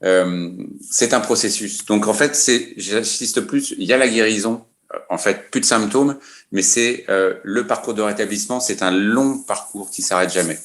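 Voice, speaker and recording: A man answering a panel question slowly, hesitating with many fillers. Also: on the low side, fairly bright tone. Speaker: panel speaker.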